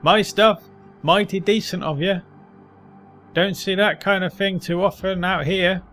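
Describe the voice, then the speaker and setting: A man's voice: high voice, fairly even intonation, measured pace, fairly bright tone, soft background music, pitched above the performer's own voice. A man voicing a blunt, suspicious old homeless man from a video game, irritable and slangy. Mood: grateful. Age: older. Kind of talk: video game character read aloud.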